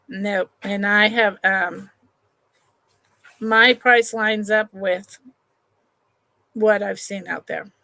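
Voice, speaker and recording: A woman hosts a slow, relaxed live-stream sale in a medium-pitched, gravelly voice, with no echo. She chats without hurry, trails off and restarts sentences, and affectionately calls viewers honey and sweetheart.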